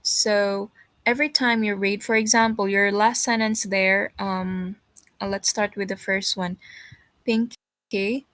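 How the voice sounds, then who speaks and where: Slow, patient woman teacher. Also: medium pitch, flat delivery, a bit bright, no room sound. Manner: patient, encouraging, corrective. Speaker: English teacher. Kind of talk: online class feedback.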